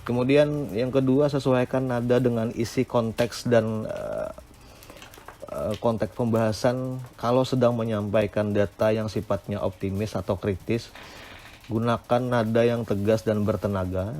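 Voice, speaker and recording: A man's voice: fairly low pitch, darkish tone, a little hiss or hum. A man giving an academic lecture on speaking technique, explaining step by step with frequent hesitant "eh" fillers.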